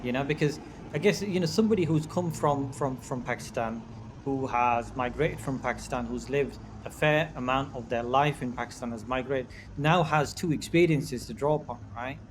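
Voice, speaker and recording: A man's voice: medium pitch, moderate pace, a little hiss or hum. A man, a podcast guest, talking reflectively in a casual chat with many fillers. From Bradford, England.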